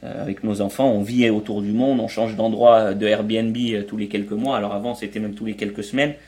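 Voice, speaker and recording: Homme d'âge moyen qui raconte des anecdotes. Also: male voice, fairly low pitch, steady tone, a little fast, a little mellow. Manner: explanatory, anecdotal, hesitant restarts. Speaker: guest, traveling parent. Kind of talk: casual interview chat.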